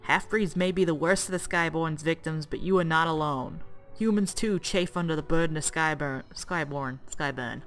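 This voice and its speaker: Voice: mid-range voice, normal speed, few pauses, fairly bright tone, faint music behind, lightly acted. A gamer reading a rebel recruiter's lines aloud in a put-on New York accent, stumbling over some words. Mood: rallying. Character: earnest rebel recruiter addressing half-breeds. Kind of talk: reading game dialogue aloud.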